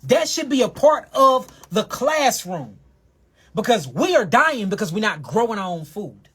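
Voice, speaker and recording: Husky man preaching health, emphatic. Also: sing-song, fairly bright tone. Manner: emphatic, repetitive, drawls key phrases slowly, asides in a low mutter. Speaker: herbal health speaker.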